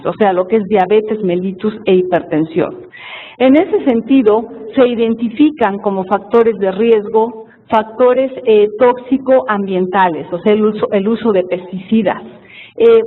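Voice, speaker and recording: A woman from Chiapas, giving an earnest, explanatory conference presentation. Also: mid-range voice. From Mexico, Chiapas. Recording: tinny, with long hall reverb.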